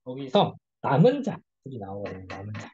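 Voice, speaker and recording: A church youth group leader teaching a casual Bible study lecture, telling stories in an animated way and acting out quoted speech. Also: medium pitch, brisk, husky, highs cut off.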